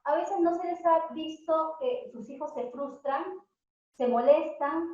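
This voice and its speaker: A woman giving a talk to parents, asking the audience many questions and stretching words slowly for emphasis. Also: high-pitched, warm tone. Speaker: parenting workshop speaker. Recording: very echoey, dull lo-fi sound.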